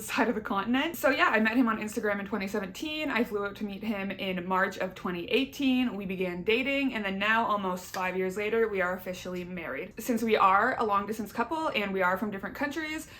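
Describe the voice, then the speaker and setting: This young Canadian woman, a YouTuber from Southern Ontario, has a medium-pitched, fairly bright voice. Chatty and emphatic, she shares an easygoing, honest update about her life with her audience.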